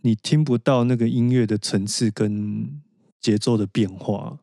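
Brief: male podcast co-host, average pitch, easygoing anecdote-teller, dry studio sound. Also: a little slow, vocal fry, warm tone, dry recording. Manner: conversational, tells anecdotes with opinions. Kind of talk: casual chat on classical music.

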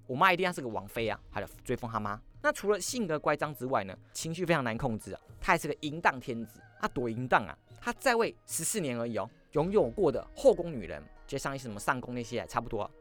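A man hosting a history podcast, telling the story in a lively, theatrical way. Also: mid-range voice. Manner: lively, acts out quoted lines in shifting voices. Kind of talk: animated storytelling monologue.

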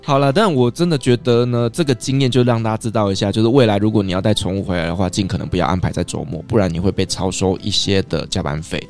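A podcast host with a Taiwanese Mandarin accent, reacting briskly and summarizing advice for listeners. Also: low voice, a little mellow. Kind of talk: casual podcast chat. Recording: studio with light background music.

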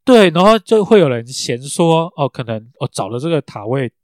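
A man co-hosting a podcast in easy casual chat, chiming in with quick jokes. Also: on the high side, no echo, clean studio sound. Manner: relaxed, quick joking interjections. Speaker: podcast co-host.

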